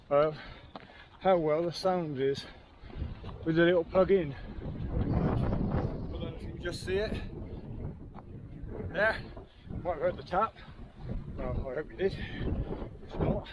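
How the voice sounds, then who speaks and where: An English wild camping vlogger in his fifties chats to camera while hiking a windy hillside, breathless, slow, and slightly high-voiced, full of rambling asides to viewers. Heavy wind roars over his clip-on wireless mic, and the sound is lo-fi.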